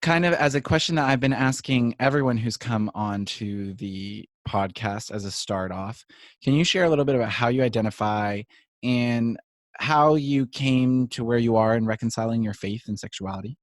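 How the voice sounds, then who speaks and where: A man's voice: medium pitch, normal speed, no echo, clean studio sound. A man hosting a podcast, introducing the episode and asking questions in an upbeat, friendly way. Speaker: podcast host.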